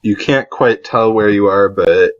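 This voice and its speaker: A young man running a tabletop game as game master, halting and clearing his throat often. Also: lowish voice, no echo, muffled recording.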